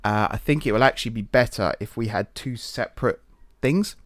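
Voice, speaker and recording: A man's voice: medium pitch, a little fast, fairly bright tone. A man giving casual gameplay commentary, thinking aloud in a self-deprecating way, recorded in an echoey, sparsely furnished office. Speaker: gaming video host. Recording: echoey room with little furniture.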